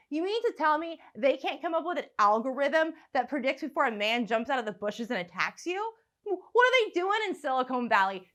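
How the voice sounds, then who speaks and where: A woman's voice: high voice, a bit bright. A young woman stand-up comic ranting profanely and sardonically, practicing her set into a phone at home. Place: room at home.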